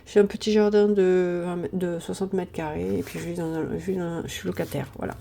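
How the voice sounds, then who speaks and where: A woman's voice: lowish voice, steady tone, fairly quick, vocal fry, mellow, slight background noise. A woman, chatting casually to viewers about her weekly budget, full of fillers and repeated "voilà, voilà". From southern France. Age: 50s. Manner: chatty, hesitant, many fillers. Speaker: budgeting vlogger.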